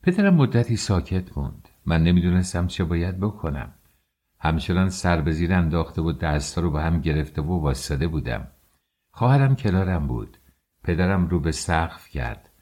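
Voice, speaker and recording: A man reads a novel aloud in a calm, measured way. His voice sits very low, with a dark, mellow tone. The reading stays steady and unhurried. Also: breathy edge. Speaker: audiobook narrator. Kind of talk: scripted audiobook narration.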